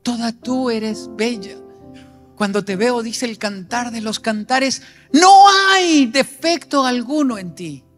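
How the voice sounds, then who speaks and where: A man in his sixties preaching a sermon with passion, swinging between loud emphasis and near-whispered lines. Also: very high voice, takes it slowly, soft background music. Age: 60s.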